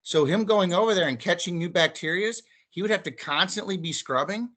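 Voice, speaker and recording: A man's voice: high voice, a little fast, fairly bright tone. Eager man co-hosting a podcast. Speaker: podcast co-host. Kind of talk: casual chat.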